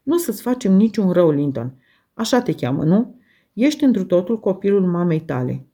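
A woman's voice: fairly low pitch, big pitch swings, mellow. A woman reading the lines of a harsh, scornful, mocking father in an audiobook.

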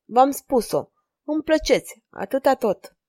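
An elegant masked lady with a cool, ironic edge and quiet passion underneath, as a woman reader voices her in a storybook reading. The voice sits close and dry, with no room sound around it. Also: high voice, expressive, breathy edge, no echo, pitched above the performer's own voice.

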